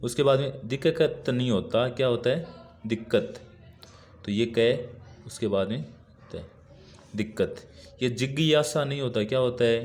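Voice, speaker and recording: A man's voice: medium pitch, a little mellow, a little hiss or hum. A male teacher going through workbook answers, patiently repeating each word as he writes it and explaining.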